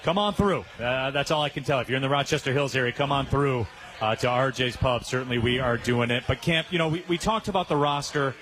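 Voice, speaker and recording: A man's voice: medium pitch, brisk, a bit bright, poor audio. A man hosting a sports radio show live from a pub, upbeat, plugging sponsors and asking about the schedule. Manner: upbeat, plugs sponsors, fills with "uh". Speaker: radio host. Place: pub during a live broadcast.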